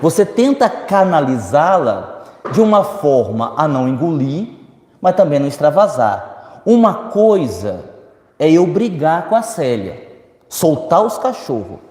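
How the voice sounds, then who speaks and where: A man's voice: on the high side, unhurried. A man with a Brazilian accent giving a spiritist lecture, answering audience questions and acting out the quoted voices of others. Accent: Brazilian Portuguese. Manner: lively, acts out quoted voices, speaks to the audience directly. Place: lecture hall. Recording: echoey hall reverb.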